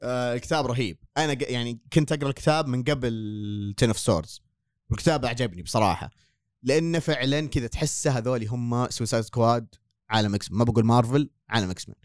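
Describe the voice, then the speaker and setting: A man's voice: medium pitch, racing, no echo, clean studio sound. A man hosting a casual podcast chat, easygoing and moving the talk along. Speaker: podcast host.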